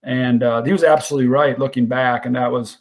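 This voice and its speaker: A man's voice: mid-range voice, fairly even intonation, fast talker. A man hosting a podcast, talking in an earnest, casual way with frequent restarts and repeated words. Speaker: podcast host.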